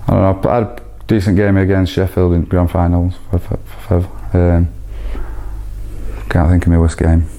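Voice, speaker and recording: A man's voice: deep voice, little pitch movement, moderate pace, warm tone. A man, a rugby player answering informal profile questions.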